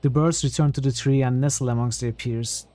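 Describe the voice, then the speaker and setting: Mellow-voiced man playing and narrating a game. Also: mid-range voice, fairly even intonation, a little fast. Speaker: gameplay host reading the game text aloud. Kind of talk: casual game playthrough commentary with read-aloud narration.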